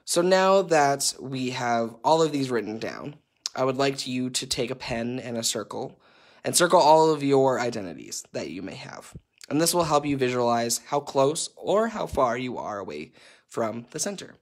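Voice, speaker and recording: Leading an online workshop, this young adult man has a Canadian accent and a medium-pitched, sing-song voice at a moderate pace. His delivery is sincere yet halting, peppered with fillers.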